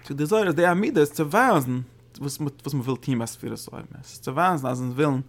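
A man with a slightly high voice gives a quick-paced religious study lecture as a Torah teacher. He often halts, repeats words and restarts phrases, and his voice rises suddenly and emphatically when he stresses a point.

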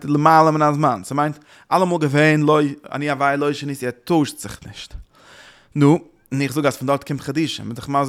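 A man giving a Torah lecture with an animated, chant-like delivery, repeating words and breaking into sudden loud bursts. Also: medium pitch. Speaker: Torah teacher. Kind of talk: Yiddish-inflected Torah lecture.

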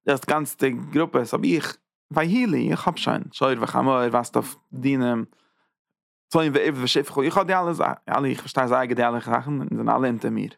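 Gravelly-voiced man giving a Torah lecture. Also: mid-range voice, no room sound, studio quality. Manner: tags points with quick "ja?" checks; repeats and restarts phrases while building an idea. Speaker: rabbi teaching Zohar.

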